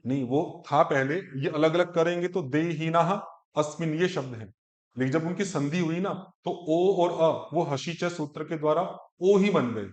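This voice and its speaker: A man teaching Sanskrit pronunciation, breaking verses into slow syllables and correcting a student as he goes. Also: a little high. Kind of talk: one-on-one pronunciation lesson. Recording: echoey room.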